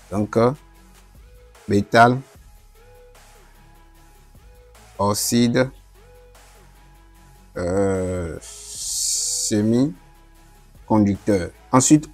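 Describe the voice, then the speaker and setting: A man's voice: on the low side, darkish tone. A man teaching an electronics lesson, explaining while he writes and tossing casual asides to viewers. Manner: apologizes for his English pronunciation. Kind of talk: whiteboard lesson.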